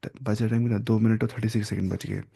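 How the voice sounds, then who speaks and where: A man teaching the rules of Quran recitation in a casual lesson, often slipping in English terms and modelling examples slowly. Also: lowish voice, level tone, creaky, mellow, husky. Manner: explains, then models slow drawn-out recitation; mixes English terms into explanations.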